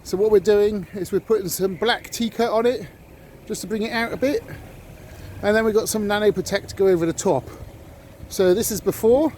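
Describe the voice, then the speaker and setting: Speaking a little fast in a high-pitched, slightly mellow voice, this car vlogger talks casually about his vehicle. Some noise from cars and the surroundings comes through.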